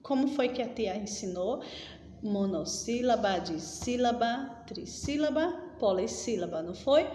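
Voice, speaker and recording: A woman's voice: on the high side, animated, measured pace, mellow. A woman, a schoolteacher giving a recorded lesson to children, explaining patiently and checking in with questions. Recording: roomy echo with long reverb and faint noise.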